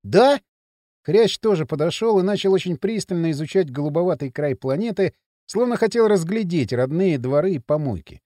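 A man narrating an audiobook in an expressive storytelling manner, close to the mic. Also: on the high side, a little fast, dry recording.

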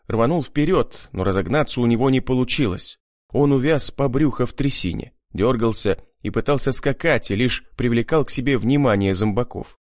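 A man's voice: medium pitch, a little mellow, no echo, clean studio sound. A man reading an adventure novel aloud in first person, with dramatic, tense storytelling. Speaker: audiobook narrator. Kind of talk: scripted first-person narration.

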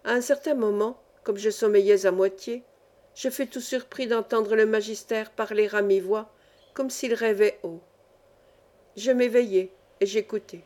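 A woman narrating a classic novel as an audiobook reader, measured and even. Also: mid-range voice.

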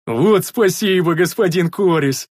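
A man voicing a burly, loud male warrior in an audiobook, bellowing and gruff, with a husky voice. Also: a little high, lively intonation, normal speed, dry recording. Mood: delighted. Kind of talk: audiobook character voice.

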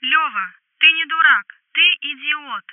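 A sharp-tongued adult woman scolds over the phone, as the narrator puts her on, her voice pushed high and squeezed through a tinny telephone filter. The sound is close and dry, with no room around it. Her lines come out blunt and bossy, straight from an audiobook. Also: moderate pace, no room sound. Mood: angry. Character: brash grown woman, blunt ex-lover on the phone. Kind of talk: audiobook dialogue.

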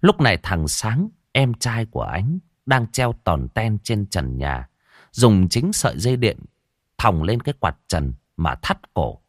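A man narrating a horror story in a dramatic, expressive way. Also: on the low side, measured pace, no room sound, clean studio sound.

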